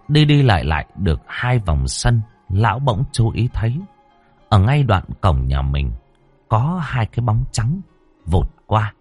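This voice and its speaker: A male storyteller narrating a horror story with expressive, dramatic pacing. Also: fairly low pitch.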